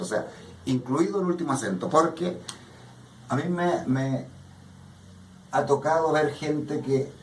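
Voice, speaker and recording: In a classroom poetry workshop, a man with a fairly high voice lectures patiently and keeps checking that students follow with "¿ya?". The distant mic picks up an echoey room and slight background noise.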